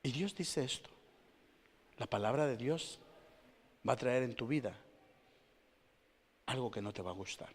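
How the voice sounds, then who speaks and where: A male pastor preaching a lively sermon to his congregation, full of rhetorical questions, moving between loud exclamations and hushed asides. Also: medium pitch, measured pace, long pauses, slightly rough. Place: church hall. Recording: long church-hall reverb.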